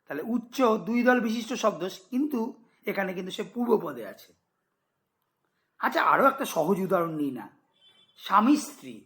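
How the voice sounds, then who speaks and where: A man's voice: high-pitched, big pitch swings, a little fast, pauses often, a bit bright. A man teaching a grammar lesson to school students, explaining patiently, repeating examples and checking if they follow.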